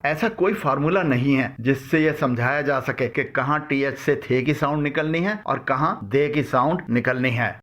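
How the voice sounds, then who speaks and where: Man reading word lists slowly. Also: mid-range voice, fairly bright tone. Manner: measured, reads out word lists one by one. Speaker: pronunciation teacher. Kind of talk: scripted instructional narration.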